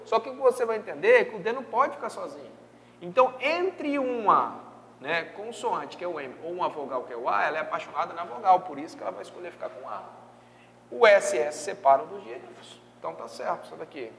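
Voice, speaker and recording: A Brazilian man teaching an exam-prep review class, lively and checking in often with his students. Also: high-pitched, fast, vocal fry, big-room sound, a little hiss or hum. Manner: lively, peppers speech with tag questions.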